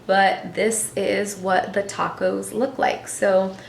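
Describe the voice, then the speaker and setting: A woman's voice: medium pitch, slow pace, creaky. Chatty woman in an echoey kitchen. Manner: chatty and relaxed, often trailing off quietly. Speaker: vlogger. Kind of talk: casual chat. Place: home kitchen. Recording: roomy kitchen echo, faint noise.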